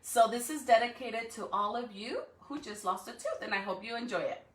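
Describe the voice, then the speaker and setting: Fairly high-pitched and a little fast, this woman is far from the mic, with slight hiss or hum and a roomy echo. As school staff leading a live-streamed read-aloud, she speaks encouragingly to young children, checking in often with "right?" and rhetorical questions, then reads a storybook.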